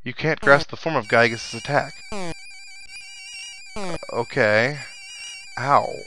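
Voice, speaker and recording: Slowly and at a medium pitch, a male let's play commentator reflects to himself and reads pieces of the story during casual gameplay commentary. The low-quality recording carries video game music and sound effects behind him.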